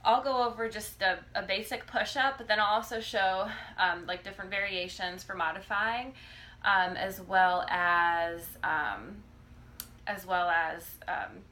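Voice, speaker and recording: A woman in her thirties giving a casual, halting exercise demonstration as a fitness coach, often checking in as she instructs. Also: medium pitch, fairly even intonation, sharp tone. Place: living room, indoors. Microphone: phone or camera a few feet away. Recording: noisy home video, phone mic.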